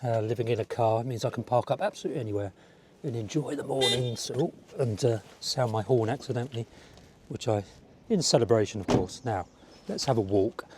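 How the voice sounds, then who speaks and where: Speaking briskly in a mid-range voice that's a bit croaky from a cold, a vlogger wanders by a village road and the seafront outdoors. He chats casually and muses aloud to the viewer in a rambling way. The background is noisy, and he wears a small wireless clip-on mic.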